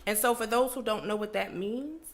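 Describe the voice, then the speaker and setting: A woman co-host introducing a guest, animated, stretching words for emphasis and talking to the audience. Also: medium pitch, a little fast. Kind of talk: introducing a guest on a talk show.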